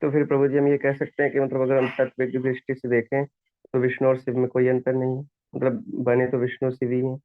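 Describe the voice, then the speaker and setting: A man asking questions in an online class in a hesitant, halting way, his voice breaking up with crackly call audio. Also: mid-range voice, completely flat delivery. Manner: hesitant, halting, many fillers. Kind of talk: respectful questioning. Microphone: video call. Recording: tinny phone-like call line.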